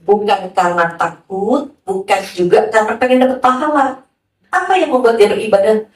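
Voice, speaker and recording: A woman's voice: a little high, normal speed. Woman preacher in an echoey hall. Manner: lively, full of rhetorical questions. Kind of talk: sermon to a women's gathering. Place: hall with a listening audience. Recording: roomy, from a distance.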